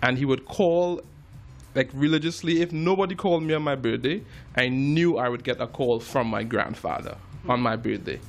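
A man's voice: mid-range voice, normal speed, faint music behind. A young man from Trinidad and Tobago, a jazz musician, talking as a guest in an interview in a friendly way, with many restarts.

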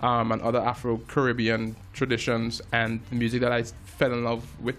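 A man's voice: medium pitch, monotone, moderate pace, a bit bright, soft background music. A young man from Trinidad and Tobago, a jazz musician, talking as a guest in an interview in a friendly way, with many restarts.

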